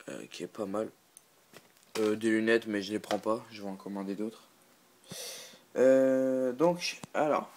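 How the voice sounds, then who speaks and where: A man's voice: lowish voice, darkish tone, poor audio. A man hosting his own channel, giving a casual unscripted product review full of "euh" fillers and restarts, and laughing at his own slips. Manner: hesitant, filler-heavy, restarts often. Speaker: channel host reviewing a replica gun.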